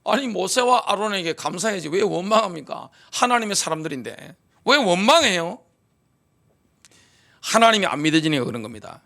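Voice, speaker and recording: A male pastor preaching a sermon, asking the congregation questions and answering them with emphasis, clearing his throat often. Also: sits high, sing-song, normal speed, pushed and bright. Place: church sanctuary.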